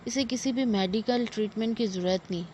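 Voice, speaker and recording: A woman voicing a heartbroken young man who speaks softly, slowly and wearily. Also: on the high side, natural voice. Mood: weary. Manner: quiet, slow and tired. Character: weary heartbroken young man, soft-spoken son. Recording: dull lo-fi with faint noise.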